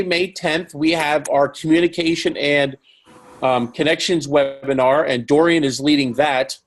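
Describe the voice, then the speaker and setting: Male webinar host, mid pitch, loose rambling delivery. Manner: rambling, many fillers and restarts. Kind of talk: casual live webinar hosting.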